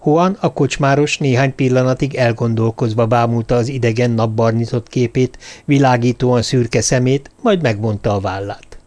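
A man reading a thriller novel aloud as an audiobook narrator, calm and measured. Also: mid-range voice. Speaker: audiobook reader. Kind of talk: scripted narration.

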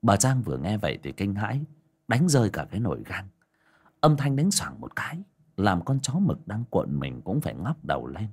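A man narrating a dramatic audio story in an expressive way. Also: fairly low pitch, moderate pace, slightly rough.

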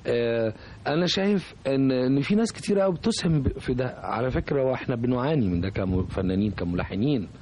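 A man with an Egyptian accent, a composer being interviewed on radio, talking reflectively and pausing often to find his words. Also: mid-range voice, expressive, darkish tone, a little hiss or hum. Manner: reflective, hesitant, searching for words. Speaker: composer, guest.

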